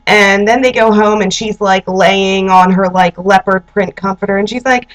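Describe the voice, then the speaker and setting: A woman's voice: mid-range voice, fairly even intonation, normal speed, rough recording. A young woman recapping a TV episode in a chatty, sarcastic way, sitting indoors and using "like" constantly. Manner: chatty and sarcastic, heavy use of "like". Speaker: vlogger. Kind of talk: casual TV recap and advice.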